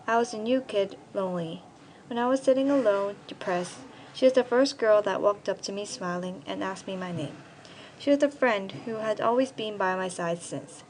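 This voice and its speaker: This rough recording, with a bit of hiss or hum, captures a Korean student in her early teens reading a personal essay she wrote. Her mid-range voice carries the story in an earnest, careful way.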